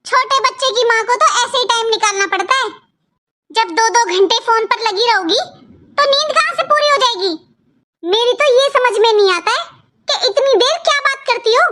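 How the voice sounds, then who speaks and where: A woman's voice: very high voice, moderate pace, pushed and bright. A woman voicing a sarcastic, spoiled young married daughter who taunts her sister-in-law in a Hindi cartoon. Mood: taunting.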